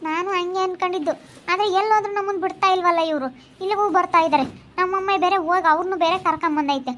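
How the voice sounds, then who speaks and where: Amateur drama role: woman playing a weepy pregnant young wife, very high crying voice, plaintive. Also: rapid-fire, fairly bright tone, a little hiss or hum. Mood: tearful. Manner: plaintive, complaining. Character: tearful young pregnant wife, hurt by her family.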